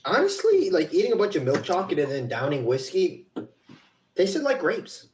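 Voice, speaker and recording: A man with a high voice chats casually before a livestream, rambling and poking fun at himself like an amateur voice actor. His pitch swings enormously and his speed is normal. The roomy, echoey home recording carries a little hiss or hum.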